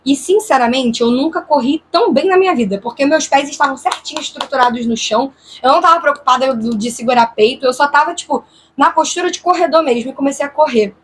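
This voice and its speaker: A woman's voice: high-pitched, fast, slight background noise. A woman vlogger from Brazil, casually and tensely retelling a frightening night to camera, voicing her own thoughts as she goes. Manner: animated, tense retelling with quoted inner thoughts.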